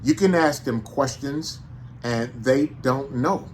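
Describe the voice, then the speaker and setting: A man with a St. in a casual, animated monologue, making his points with repeated rhetorical questions. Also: mid-range voice, slow, a little hiss or hum. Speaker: vlogger.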